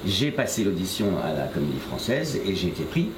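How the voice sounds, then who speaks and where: Speaking a little fast in a low, very animated voice, this older voice actor responds to questions about his career haltingly, full of fillers and false starts. He's being interviewed in a shop where the room echoes and there's background noise.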